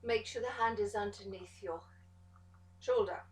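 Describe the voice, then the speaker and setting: A woman pilates instructor giving calm step-by-step cues to an exercise class, encouraging as she goes. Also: medium pitch, unhurried, distant mic. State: out of breath at times. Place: pilates studio room. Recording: echoey studio room, voice from off the mic.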